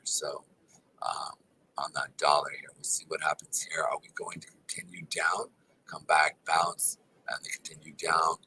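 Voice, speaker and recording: A man's voice: rumbling low, pushed and bright, low-quality recording. A man giving live market chart commentary in a casual, filler-heavy way, calling his viewers guys, tired and with a sore throat. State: tired and exhausted; throat not feeling well. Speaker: crypto charting analyst.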